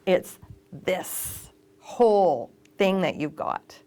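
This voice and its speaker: A woman voice actor and casting director giving lively, emphatic advice in a conversational interview. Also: on the low side, drawn-out words.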